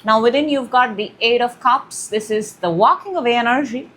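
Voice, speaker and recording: A young woman hosting a casual tarot reading at home, excitable and gushing, with loud bursts and soft murmurs. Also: fairly high pitch, moderate pace. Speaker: tarot reader, channel host. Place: room in her home.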